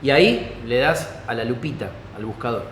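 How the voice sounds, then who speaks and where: In an echoey hall with faint background noise, a Rioplatense-accented pastor teaches Bible study in a chatty style, regularly checking on his audience. His mid-range voice is animated and moderately paced.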